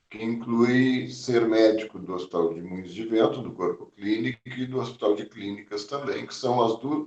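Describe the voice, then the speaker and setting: A man in his sixties from southern Brazil, a physician calmly recounting his life in an oral history interview, with many small fillers. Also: on the low side, echoey room, distant mic. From Porto Alegre, southern Brazil. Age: 60s. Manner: measured, reflective, frequent "né?" and "eh" fillers.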